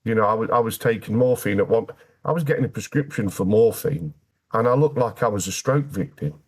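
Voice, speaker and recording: A man's voice: lowish voice, lively intonation, a little fast, husky. A British man speaking as an interview guest, telling his personal story candidly in a plain-spoken way with dry, wry humour.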